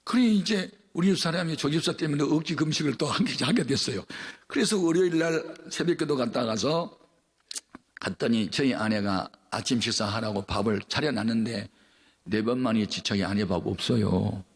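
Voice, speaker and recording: A male pastor delivers a revival sermon, starting with a folksy story that grows into fervent preaching with wide swings in pitch and volume. His voice is husky and his pace moderate.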